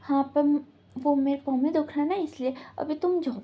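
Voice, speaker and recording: A woman's voice: high voice, normal speed, muffled recording, natural voice. A woman voicing a shy awkward young man. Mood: reluctant. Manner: hesitant, evasive. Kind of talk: storytelling with quoted dialogue.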